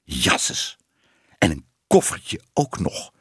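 A man's voice: fairly low pitch, very animated, normal speed, husky, no echo, clean studio sound, heavily acted. Man voicing hissing old cat Tante Moertje. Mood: disapproving. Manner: hissing, prim and scolding.

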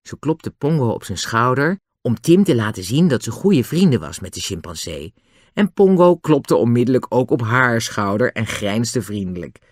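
A narrator reading a children's storybook aloud with expressive, animated narration. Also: medium pitch, dry recording, studio quality. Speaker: audiobook narrator.

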